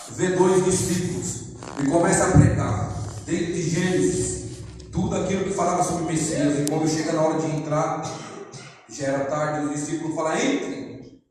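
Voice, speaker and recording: A man's voice: fairly high pitch, flat delivery, moderate pace, a little mellow, a little hiss or hum. A Brazilian man preaching a sermon as an evangelist, telling stories dramatically and acting out the voices. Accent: Brazilian Portuguese. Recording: echoey hall from far off.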